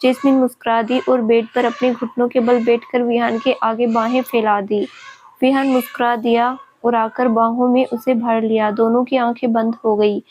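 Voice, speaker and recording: A woman's voice: a little high, level tone, moderate pace, darkish tone, highs cut off, slight background noise. Woman narrating a story in a level voice.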